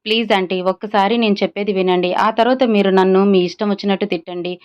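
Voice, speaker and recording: Tearful pleading young woman, read by a woman storyteller; smooth, lo-fi. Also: mid-range voice, steady tone, brisk, close to an everyday voice. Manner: pleading, urgent.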